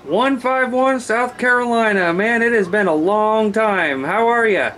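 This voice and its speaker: Male CB operator heard over the radio, high-pitched, friendly and casual, noisy transmission. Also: unhurried. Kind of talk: casual radio chat with call signs.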